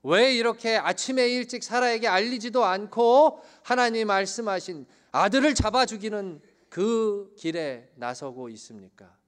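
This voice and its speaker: A fairly high-voiced man delivers a sermon as pastor. His delivery surges into loud, emphatic lines, then drops into hushed, low remarks, and he keeps checking in with listeners through questions. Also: lively intonation, moderate pace, few pauses. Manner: swings between loud emphatic peaks and quiet low asides; asks the congregation questions and leads group reading.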